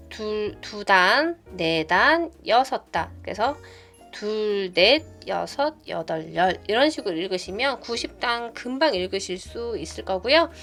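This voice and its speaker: A woman hosting a crochet tutorial, patiently talking through each step and counting stitches aloud as she demonstrates. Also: fairly high pitch. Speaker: knitting tutorial host. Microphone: phone camera. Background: soft background music.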